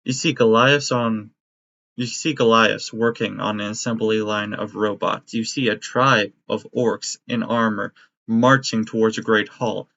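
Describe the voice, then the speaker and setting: A man acting as game master, narrating a tabletop game in a steady, descriptive way. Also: lowish voice, unhurried, creaky. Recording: dry, slightly muffled audio.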